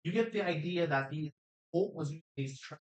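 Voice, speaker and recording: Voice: mid-range voice, brisk, darkish tone, roomy sound, poor audio. A game master narrating a tabletop role-playing game in a loose, rambling way with casual swearing.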